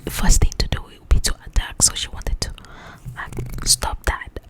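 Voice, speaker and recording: Confiding and conversational, a woman whispers breathily at a normal pace to her ASMR book channel audience. She talks through book highlights and checks that the listener keeps up.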